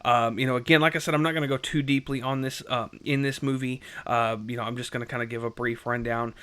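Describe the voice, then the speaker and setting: Young male reviewer, bright voice, loose chatty delivery with many ums and restarts. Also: mid-range voice, steady tone, fast, smooth. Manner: rambling, lots of fillers and restarts. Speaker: film reviewer. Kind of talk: casual unscripted review.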